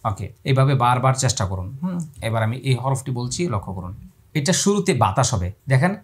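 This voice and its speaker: A man teaching Quran pronunciation step by step, explaining calmly and then drawing out each letter sound in long calls. He asks his own questions and answers them for the viewer. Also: medium pitch, normal speed, breathy edge.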